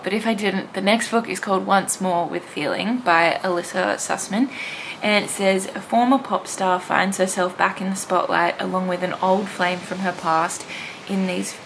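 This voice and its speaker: In a rough recording with noticeable background noise, a young woman speaks at medium pitch with a creaky, fairly bright tone. She's a book vlogger rambling informally and enthusiastically to camera.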